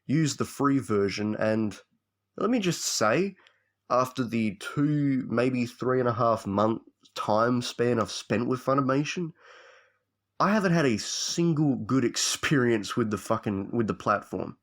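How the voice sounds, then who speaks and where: A young man telling a story as a casual, profane rant, swearing constantly and animated. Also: medium pitch, a little slow. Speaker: vlogger.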